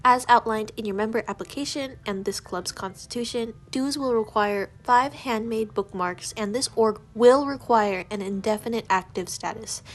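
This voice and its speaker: A woman's voice: a little high, natural voice. A congested woman voicing a clingy, possessive young woman club president who talks in a sugary tone with an unsettling edge.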